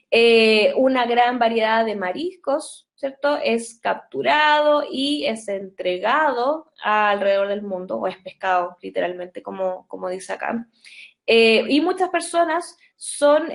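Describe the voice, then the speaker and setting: A young woman with a Chilean Spanish accent teaching English grammar in an online class, patient and explanatory, checking often for understanding. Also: fairly high pitch.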